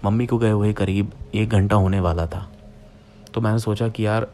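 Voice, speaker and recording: A man's voice: on the low side, level tone, moderate pace, a little mellow, slight background noise. A young man narrating a true-style horror story in the first person, speaking directly to his listeners as friends in a plain retelling voice.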